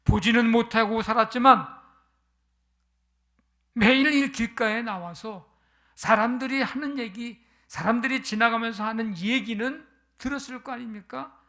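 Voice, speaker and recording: Gravelly-voiced pastor preaching a sermon. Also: medium pitch, unhurried, sharp tone. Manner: retells scripture as a story with rhetorical questions. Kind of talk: Sunday sermon.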